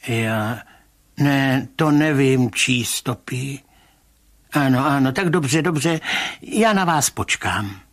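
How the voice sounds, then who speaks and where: A man reading a story aloud, voicing an anxious, excitable man in a high, trembling voice that turns insistent. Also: lightly acted. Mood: nervous. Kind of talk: audiobook reading of a short story.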